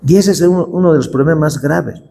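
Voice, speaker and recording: A male pastor preaching a sermon, reading scripture slowly and deliberately. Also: a little high, creaky, mellow, slight background noise. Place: church hall. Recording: long hall reverb.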